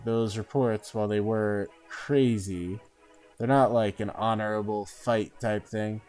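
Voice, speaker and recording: A man's voice: fairly low pitch, fairly even intonation, unhurried, a little mellow, faint music behind. A man giving casual live commentary as he streams a game, thinking aloud and often tagging on "uh" and "right?".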